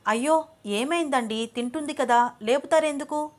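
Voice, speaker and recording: Lady doing a sulky young wife, high pitched, talks back, storybook style. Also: normal speed, lightly acted. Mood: protesting. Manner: pouty, defiant.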